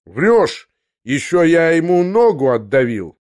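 A man's voice: on the high side, slow pace, voice pushed up. A man voicing an agitated, hot-headed young man who breaks into indignant outbursts in an audiobook reading. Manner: excited, shouting outbursts.

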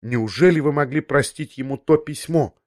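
An impetuous young man, earnest and flustered, blurting out his questions, as a male reader plays him. The voice sits at a middle pitch. The sound is dry and close. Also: normal speed, dry recording, lightly acted. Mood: astonished.

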